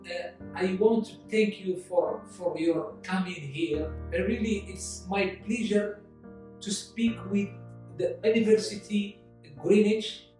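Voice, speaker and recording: A man, speaking hesitantly in halting conversational English and repeating words as he searches for them. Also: high voice, dark tone. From Morocco. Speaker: interviewee. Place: indoor room with large windows. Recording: distant echoey room with guitar music.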